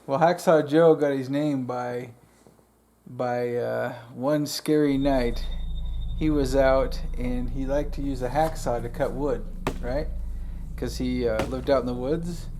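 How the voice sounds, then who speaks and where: A man's voice: mid-range voice, steady tone, slow pace, dark tone, a little hiss or hum. A man, a father, casually making up a ghost story for children in everyday talk.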